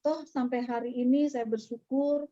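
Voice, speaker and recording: In a warm, steady voice that sits high, a middle-aged woman speaks at a moderate pace as she gives her testimony to churchgoers. She relates her story in a conversational way and dramatizes the quoted exchanges. The recording is slightly dull and dry.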